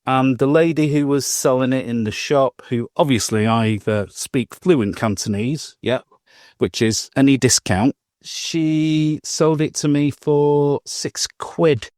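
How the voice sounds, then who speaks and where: Slow and a little mellow, the man's mid-range voice comes through a clean studio recording with no room sound. He's co-hosting a modelling podcast, casually recounting shopping stories in a rambling way, breaking into laughs and restarting sentences.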